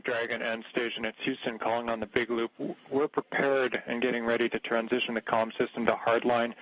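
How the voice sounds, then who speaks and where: A man working as mission control capcom, giving steady procedural calls over a space-to-ground radio communicator link. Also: lowish voice, no echo. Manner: steady, procedural, matter-of-fact. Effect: tinny space-to-ground radio communicator link. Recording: narrow phone-like radio channel.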